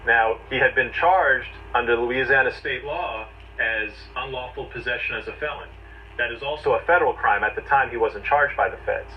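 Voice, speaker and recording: Speaking at normal speed with a medium-pitched voice, a man explains a legal matter conversationally, one step at a time, in punchy short phrases. He is a legal commentator. The audio was replayed and sounds distant, dull and noisy.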